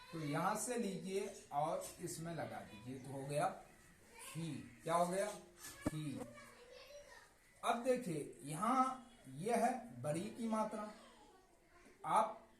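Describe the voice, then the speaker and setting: A man teaching a slow, step-by-step writing lesson, patiently repeating each answer and dropping his voice at every result. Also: sits high. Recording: echoey room with faint noise.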